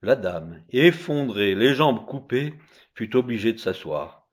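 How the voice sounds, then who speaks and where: A man narrating a story in a calm, even telling. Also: medium pitch, measured pace, slightly rough. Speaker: reader.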